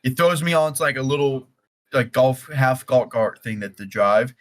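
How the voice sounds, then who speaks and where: Young adult male podcast co-host. Mid-range voice, animated and profane casual storytelling. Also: medium pitch, normal speed. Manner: animated and heavily profane, with frequent restarts.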